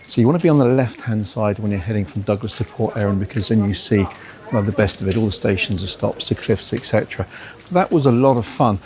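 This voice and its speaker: A man's voice: lowish voice, fast talker, darkish tone. A man hosting a travel vlog, chatty, upbeat and self-deprecating as he talks through a railway day trip. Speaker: travel vlogger. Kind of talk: casual travel vlog narration.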